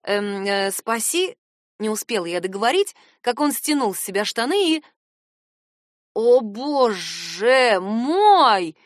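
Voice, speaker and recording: A woman's voice: on the high side, very animated, slow pace, no echo, studio quality. A woman narrating a first-person story in a sarcastic, exasperated tone.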